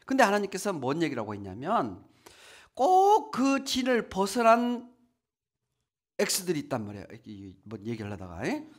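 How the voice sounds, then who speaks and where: Guy preaching in church, bouncy animated voice, keeps going "예?" to the crowd. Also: high-pitched, moderate pace. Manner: lively, asks the congregation questions, acts out quotes. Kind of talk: sermon. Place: church hall.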